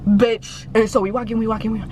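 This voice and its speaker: A woman's voice: fairly high pitch, little pitch movement, fairly quick, dark tone, a little hiss or hum. A woman vlogger telling a storytime tale in a casual, profane, joking ramble.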